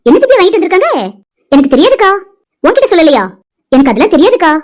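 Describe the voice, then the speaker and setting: Chatty village women in a cartoon family drama, voiced by a woman, a young wife and her aunt trading gossip. The voice sits very high and rattles along at a rapid-fire pace, with lively rises and falls. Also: loud music behind the voice. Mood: curious. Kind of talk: animated family drama dialogue.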